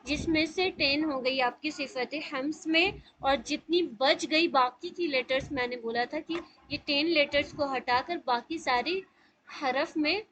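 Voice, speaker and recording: A woman's voice: high voice, a bit bright, rough recording. A woman teaching a tajweed class over a video call, encouraging her students and mixing in English words.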